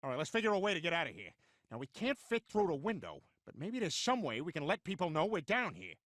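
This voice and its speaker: High, brash, dim cartoon dad. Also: male voice, huge pitch swings, fast, fairly bright tone, dry recording, studio quality, heavily acted. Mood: scheming, flippant. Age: middle-aged. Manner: goofy, rambling, blunt. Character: dim, blustery, careless middle-aged suburban dad. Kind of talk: animated sitcom acting.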